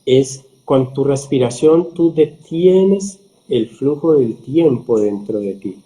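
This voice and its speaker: A middle-aged man, a surgeon, calmly explaining in a conversational interview, slowing down for emphasis. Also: mid-range voice. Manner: calm, explanatory, slows down for emphasis. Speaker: surgeon and podcast guest.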